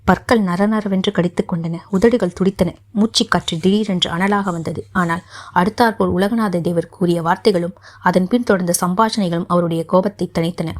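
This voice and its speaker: A woman reading a historical novel aloud as an audiobook narrator, in a steady, measured storytelling manner and a fairly low voice. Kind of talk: scripted narration.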